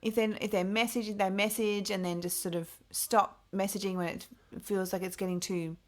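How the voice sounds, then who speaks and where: A woman's voice: mid-range voice, little pitch movement, normal speed, darkish tone. A woman co-hosting a podcast, chatting casually about dating and murmuring along as she listens. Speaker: podcast co-host. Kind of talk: casual chat.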